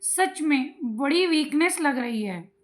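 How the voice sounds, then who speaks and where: Brief: a woman doing a tired, famished dog who grumbles, in a high voice. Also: lively intonation, slow pace. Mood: weary. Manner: complaining of weakness. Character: hungry, weak dog.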